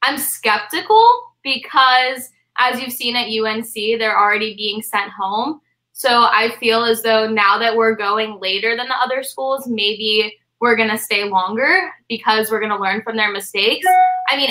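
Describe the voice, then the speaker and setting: A woman's voice: fairly high pitch, sharp tone. A woman teacher on a panel, talking earnestly and anxiously. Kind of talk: panel chat.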